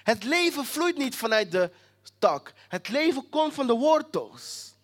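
A preacher giving a sermon with emphatic repetition, sometimes dropping to a hushed near-whisper. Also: sits high, big pitch swings, measured pace.

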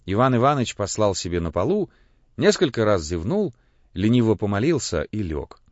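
A man narrates a literary audiobook in a measured, expressive way. His voice sits low and moves a lot in pitch. The audio is dry and somewhat muffled. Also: dry recording.

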